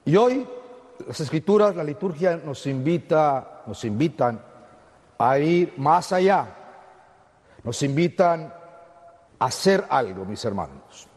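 A man leads Mass as a priest, proclaiming and preaching solemnly to the congregation. His voice sits a little high. Each phrase rings with the long reverb of a cathedral-like church. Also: big pitch swings, slow, long pauses, a little mellow, slightly rough. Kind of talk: liturgical Gospel reading and homily. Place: large church, amplified, cathedral-like echo.

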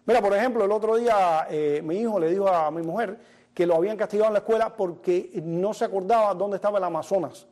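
High-voiced comedy show host. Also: male voice, quick pace, darkish tone. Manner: joking storyteller, punchline delivery. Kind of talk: stand-up comedy monologue. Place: television studio.

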